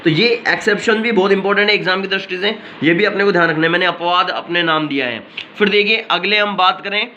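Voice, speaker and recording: A man's voice: sits high, pushed and bright, muffled recording, slight background noise. A man teaching English pronunciation with an Indian English accent, explaining step by step and repeating each word, switching between Hindi and English. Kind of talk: pronunciation lesson.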